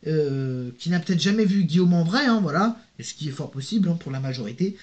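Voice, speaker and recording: A man's voice: on the high side, a little mellow. A young man in a casual vlog, reading viewer comments aloud and answering them in a rambling, slangy way while speaking straight to the viewer. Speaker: YouTuber. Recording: dull lo-fi sound.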